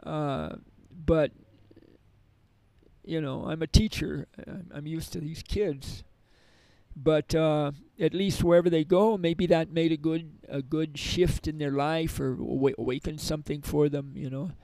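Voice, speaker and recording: In a storytelling interview, a middle-aged prison yoga and meditation teacher rambles through his experiences, often starting sentences over and leaning on fillers. His voice is gravelly, a bit high, steady and dark-toned, and he speaks a little slowly. It's captured close-up and dry, without any echo from the room.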